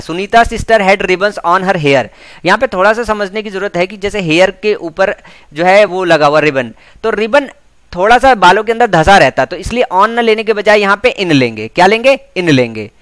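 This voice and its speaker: An Indian man teaching English exam questions, explaining each answer and repeating key words, reading English sentences slowly. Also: high voice, expressive, a bit bright, smooth, no echo. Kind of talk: exam prep lecture.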